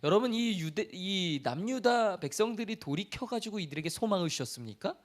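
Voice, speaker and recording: A man's voice: high voice, lively intonation, brisk. A male pastor giving a conversational sermon, asking the congregation questions and acting out quoted speech. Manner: conversational preaching with rhetorical questions; acts out God's voice in quoted lines.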